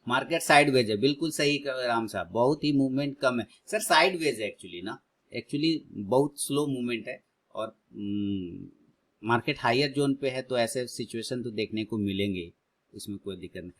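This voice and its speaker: A man in his thirties hosting a live trading stream, chatting casually with viewers and loudly urging prices on. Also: medium pitch, moderate pace. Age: 30s. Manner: excitedly cheers prices on, then chats calmly with viewers.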